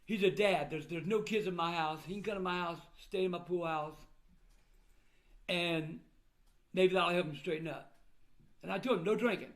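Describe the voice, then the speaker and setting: Old man, high-pitched for a male, blunt grandfatherly delivery, informal personal vlog talk. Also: normal speed, pauses often. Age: older. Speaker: vlogger recounting family troubles. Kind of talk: casual personal talk to viewers.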